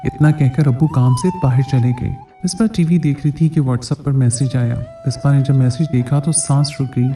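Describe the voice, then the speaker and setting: Guy telling a dramatic story, really dark mellow voice, sounds far from the mic. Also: mid-range voice, moderate pace, hardly any pauses. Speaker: narrator. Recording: distant mic, faint background music.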